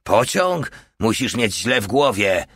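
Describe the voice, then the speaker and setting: A man's voice: fairly low pitch, moderate pace, no echo, studio quality. A man voicing a raving shell-shocked soldier. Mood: alarmed. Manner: yelling, frantic. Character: panicking, raving male soldier in battle shock.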